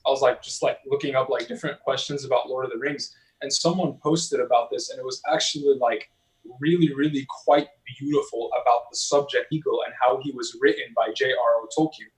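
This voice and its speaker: A man's voice: mid-range voice, fairly even intonation, low-quality recording. A man talking films in a loose, casual way. He stops and restarts often, filling gaps with "um" and "like," in an ordinary mid-range voice. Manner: halting, heavy on fillers and restarts. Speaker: podcast panelist. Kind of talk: casual film discussion.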